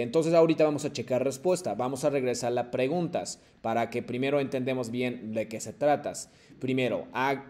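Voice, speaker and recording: Male language teacher, patient, models and repeats phrases, mid-pitched voice. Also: darkish tone. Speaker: Japanese teacher. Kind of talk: online language class, mixing Spanish and Japanese.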